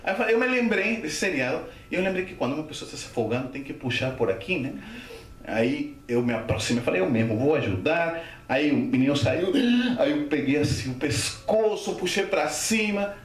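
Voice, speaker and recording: A man tells a story at a Spiritist lecture, and his voice rises and falls in wide swings as he acts out the scenes. His voice sits fairly high for a man. He is recorded from some distance in an echoey hall. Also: fairly quick. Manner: animated, acts out voices with gasps and shouts.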